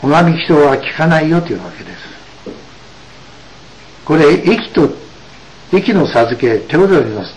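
Man giving a lively religious lecture. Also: mid-range voice, slight background noise, poor audio. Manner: emphatic, with frequent drawn-out asides. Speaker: religious teacher.

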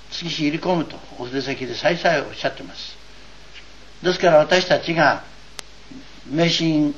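An older man from eastern Japan gives an earnest, wry and digressive doctrinal lecture as a religious teacher. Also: a little high. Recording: dull lo-fi recording with faint hiss.

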